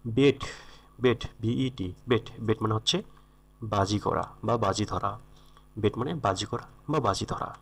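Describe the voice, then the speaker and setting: A man with a low-ish voice teaches English vocabulary unhurriedly, with long pauses. He repeats each word along with its meaning and corrects pronunciation.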